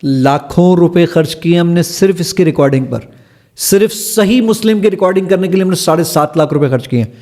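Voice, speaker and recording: Man, high pitch, eager, app founder, step-by-step demo, podcast guest. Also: warm tone. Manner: eager, stepping through features one by one. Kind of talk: explaining and demonstrating an app.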